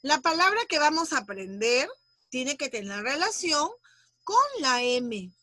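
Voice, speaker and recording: High, bright-voiced patient schoolteacher. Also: female voice, sing-song, no echo. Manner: patient, slow, sounds out syllables; uses gentle diminutives. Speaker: primary school teacher. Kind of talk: online class for young children.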